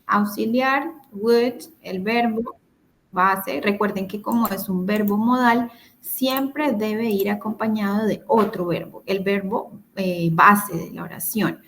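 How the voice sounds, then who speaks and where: Woman teaching english over a video call, slow patient explaining, keeps checking in, bit of faint noise behind. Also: mid-range voice, fairly bright tone, low-quality recording. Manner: explains slowly, repeats words and checks in with "¿listo?". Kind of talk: recorded online lesson.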